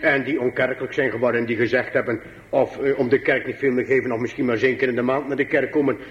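A man preaching to his congregation, slow and emphatic, swinging between high pleading passages and low quiet asides. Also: fairly even intonation, dull audio. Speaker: pastor. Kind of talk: sermon.

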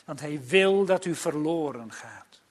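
A man's voice: on the high side, animated, unhurried. A male preacher giving a sermon in an earnest, emphatic and warning manner.

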